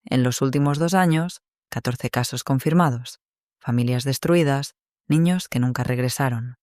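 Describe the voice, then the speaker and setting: A man voicing a female police agent who speaks in a flat, matter-of-fact way. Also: mid-range voice, normal speed, smooth, no echo, clean studio sound, natural voice.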